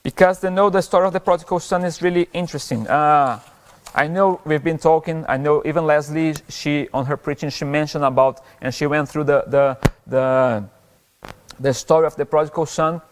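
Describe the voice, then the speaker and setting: Male pastor, earnest and halting sermon delivery, slightly high voice, long church reverb. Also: steady tone, slight background noise. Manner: earnest, halting with restarts and self-corrections.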